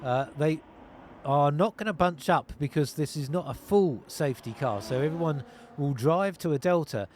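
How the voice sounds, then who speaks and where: A man calling an online sim racing league race, narrating positions, tyres and penalties in steady play-by-play over a headset. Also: on the high side, normal speed, slight background noise. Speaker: lead commentator.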